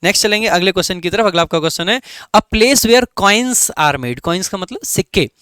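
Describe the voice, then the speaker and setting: Indian guy teaching english online, high voice, super dry close mic, walks thru every option. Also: lively intonation, brisk, sharp tone, clear, resonant tone, no echo. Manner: explains each option step by step and often checks in with "ठीक है". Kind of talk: online exam-prep lesson.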